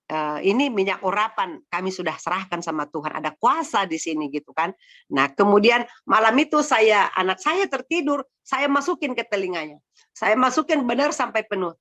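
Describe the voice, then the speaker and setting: A middle-aged woman shares her faith testimony with a congregation. Her voice is bright and forward. She tells it in a chatty, heartfelt way, full of small fillers. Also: mid-range voice. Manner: chatty, emotional storytelling with many fillers. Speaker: churchgoer giving a testimony.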